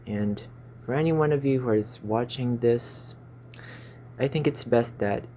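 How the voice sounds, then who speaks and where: In a small stuffy room, a Filipino-accented man in his twenties records a rambling vlog on his phone, stumbling over words as he chats casually to his channel. His warm, mid-range voice is a little slow, with slight background noise.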